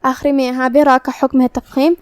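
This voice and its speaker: High-voiced woman teaching Quran recitation. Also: no echo. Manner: calm, methodical explanation of letter sounds. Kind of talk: tajweed lesson.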